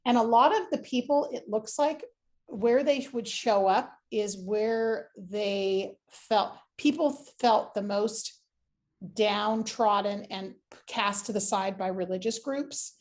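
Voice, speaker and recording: Woman psychic chatting thru a reading, rambly, says like a lot, mid pitch. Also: slow. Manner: rambling, full of "like" and restarts. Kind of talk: casual chat.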